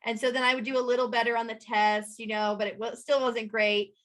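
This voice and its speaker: A woman guest in an interview, telling stories in a lively way and acting out the people she quotes. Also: fairly quick. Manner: animated storyteller, acts out quotes in a higher voice. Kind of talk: conversational interview.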